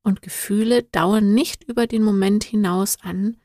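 A woman voicing a patient, wise male guide in a storybook, speaking calmly and softly, often close to a whisper. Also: mid-range voice, a little slow, no room sound, close to an everyday voice. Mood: gentle, soothing. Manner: calm, soothing, at times whispered.

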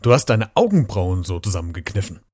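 A man's voice: deep voice, sing-song, a little fast, a little mellow. A man voicing Nick, a meddling male animal neighbour in a children's storybook reading.

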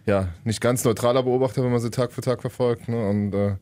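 A man chats as a studio co-host in a mellow, medium-pitched voice. His delivery is casual and a little halting, with small tag questions. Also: fairly even intonation. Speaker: podcast co-host.

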